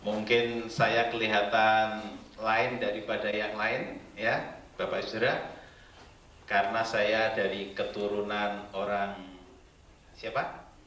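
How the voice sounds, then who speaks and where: This Indonesian guest preacher, a middle-aged man, speaks slowly and flatly with long pauses, his lowish voice carrying a fairly bright tone. He jokes playfully with the congregation during his sermon, recorded from afar in a roomy church hall with slight background noise.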